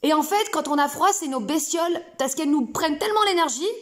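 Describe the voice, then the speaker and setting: A woman's voice: high-pitched, lively intonation, quick pace. A woman explaining ideas casually to camera at home, playful and rambling with many hesitations. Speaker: self-help video host. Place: home room.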